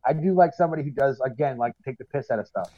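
A man's voice: medium pitch, quick pace, dry recording. A man co-hosting a casual podcast chat, blunt and emphatic with heavy swearing. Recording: dull, dry sound.

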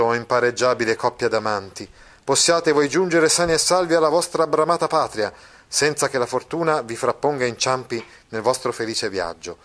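A man's voice: on the high side, a bit bright, voice pushed up, natural voice. A man voicing a young male puppet-show narrator with a declamatory, ornate delivery, read aloud from a novel.

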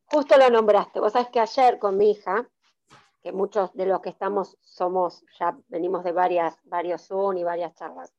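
A woman's voice: mid-range voice, fairly even intonation, moderate pace, a little mellow, lo-fi sound. A woman with a Rioplatense accent, a participant sharing hesitantly on a call. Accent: Rioplatense Spanish.

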